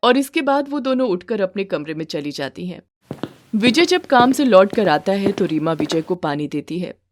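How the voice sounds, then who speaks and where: A woman's voice: mid-range voice, moderate pace, music in the background. Woman narrating a storybook cartoon. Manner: steady, plain storytelling.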